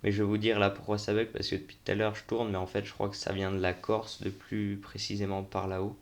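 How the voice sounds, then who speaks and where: A man's voice: fairly low pitch, monotone, fast talker. A young man giving casual, unscripted commentary on a game tour, thinking aloud in informal, slangy language. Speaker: gaming video host.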